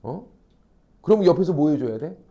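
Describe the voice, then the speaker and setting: A man's voice: on the high side, normal speed. A man teaching a classroom lecture, casual and blunt with his students, acting out quoted people and checking constantly that they follow. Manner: animated, acts out quoted people. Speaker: academy teacher.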